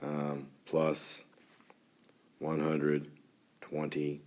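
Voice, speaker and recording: A man with a very low voice and a clear West Texas twang teaches like a schoolteacher talking to his students. His delivery is informal and folksy, explaining things step by step. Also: completely flat delivery, very slow, darkish tone, a little hiss or hum. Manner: folksy, talks as if to a class of children. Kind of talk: instructional math lesson for students, informal.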